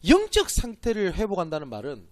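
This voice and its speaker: A man's voice: sits high, wildly swooping pitch, fairly quick, no echo. A man with a Gyeongsang accent, a pastor giving a church training lecture, emphatic and asking and answering his own questions. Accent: Gyeongsang Korean. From Gyeongsang Province, Korea.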